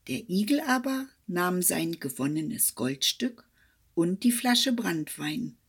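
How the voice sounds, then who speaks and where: A woman tells a fairy tale in an expressive, unhurried reading voice. She slips into whispers for some passages. Her tone is a little husky and her melody moves widely. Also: fairly low pitch. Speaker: storyteller.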